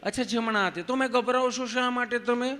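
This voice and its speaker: A woman's voice: on the high side, fairly quick, slight background noise, pitched above the performer's own voice, natural voice. A man doing a sweet-spoken nurse lady. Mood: gentle. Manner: gentle, patiently questioning. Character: calm, sweet-spoken middle-aged nurse woman. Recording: long hall reverb, faint music.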